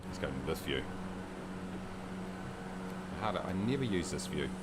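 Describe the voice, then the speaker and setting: While flying a sim live, a streamer jokes around and reads out viewer comments in casual chat. He has an extremely low, sing-song voice at a moderate pace, and the background noise is heavy.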